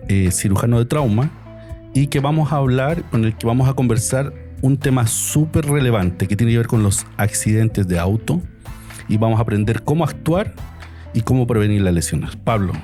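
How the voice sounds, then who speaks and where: A man hosting a podcast, talking in a relaxed, friendly way. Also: medium pitch, moderate pace, soft background music. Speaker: podcast host, surgeon. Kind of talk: casual interview chat.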